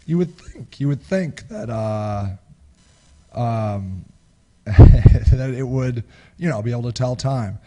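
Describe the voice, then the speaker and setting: A middle-aged man with a raspy, husky, cold-roughened voice is recovering from that cold while hosting a live webinar from a small home office. His mid-range voice moves slowly through rambling, casual chat full of restarts and chuckles, and he gestures with his hands. He speaks close to a studio microphone in front of him, with heavy background noise behind.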